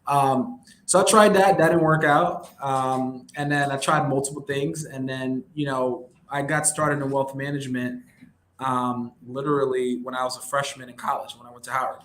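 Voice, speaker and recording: A young New York City man who works as a wealth management advisor talks casually and at length as a guest in an interview, full of fillers and upbeat self-promotion. His mid-range voice is slightly bright, with fairly even intonation and a normal pace. The room echoes, and a faint hum sits in the background.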